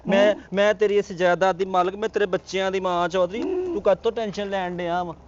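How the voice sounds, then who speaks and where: A man's voice: sits high, a little fast, dull audio, a little hiss or hum, pitched above the performer's own voice, close to an everyday voice. A man playing a sighing, lovesick village woman. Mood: pleading. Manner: coaxing, pleading, theatrical sighs. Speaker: comedian. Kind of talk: comic sketch acting.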